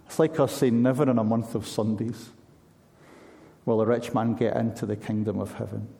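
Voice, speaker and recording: A man's voice: on the low side, fairly even intonation, moderate pace, creaky, dark tone. A man preaching a sermon in an earnest, conversational way, asking his listeners pointed questions.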